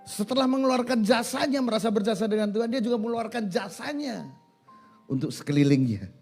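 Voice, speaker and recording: A male pastor preaching a sermon in a church, animated, asking the congregation questions and answering them himself. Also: sits high, brisk, husky, soft background music.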